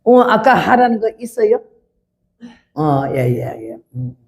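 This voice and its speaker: A woman in her eighties giving a testimony sermon as a missionary preacher, blunt and rough-spoken, acting out scenes with drama. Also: mid-range voice, sing-song, takes it slowly. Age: 80s. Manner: dramatic, acts out scenes loudly.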